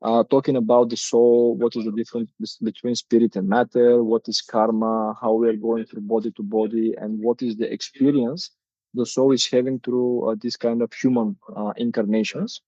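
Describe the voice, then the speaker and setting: Man, Bulgarian accent, non-native English, thirties, hesitant, warm mellow voice, dry muffled lo-fi sound. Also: medium pitch, level tone, normal speed, no room sound. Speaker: guest, coach. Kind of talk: casual interview talk.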